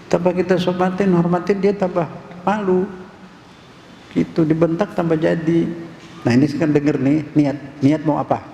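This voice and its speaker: A man's voice: on the high side, vocal fry, dark tone. A man preaching a casual dawn sermon in a mosque, quizzing the audience and repeating key words. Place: mosque hall. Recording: echoey mosque hall, faint noise.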